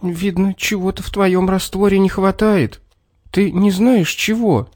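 A man voicing an earnest, tender young girl in a high eager voice. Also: moderate pace, darkish tone, lightly acted. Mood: dejected.

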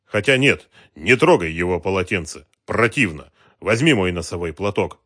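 A man's voice: low-pitched, expressive, normal speed, pushed and bright, no echo, clean studio sound, exaggerated voice. A man reading an audiobook voices a stern male detective who gives curt orders. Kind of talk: audiobook character voice.

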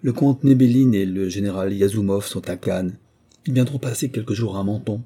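A man reading an audiobook voices a frail aristocratic mother who speaks gently and admonishes her daughters. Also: fairly low pitch, moderate pace, breathy edge. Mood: admonishing.

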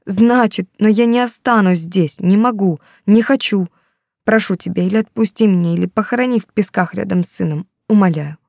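Desperate young heroine, read by a woman, raised tearful pleading, warm dark tone, audiobook. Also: mid-range voice, moderate pace, gravelly, no room sound, clean studio sound. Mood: anguished.

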